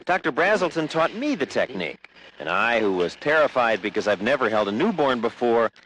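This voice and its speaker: A man's voice: mid-range voice, big pitch swings, fairly bright tone, slight background noise, rough recording. Man narrating a TV news report. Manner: measured, explanatory.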